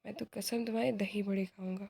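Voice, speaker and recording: A woman's voice: medium pitch, steady tone, fairly quick, creaky, warm tone, breathy edge. A woman reading aloud the part of a cheerful, indulgent young uncle in a play. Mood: teasing.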